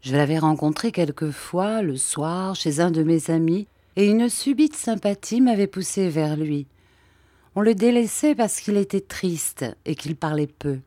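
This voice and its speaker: Slow, mellow woman reading a story. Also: on the low side, expressive, no room sound. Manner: measured, deliberate storytelling. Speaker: reader of a short story. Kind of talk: scripted narration.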